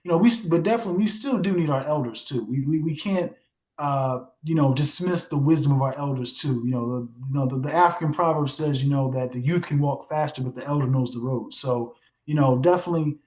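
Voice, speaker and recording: Young guy guest on a podcast, earnest, keeps saying you know, average pitch. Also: brisk, darkish tone. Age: young adult. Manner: earnest, many fillers and restarts. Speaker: guest author. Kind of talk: casual podcast conversation.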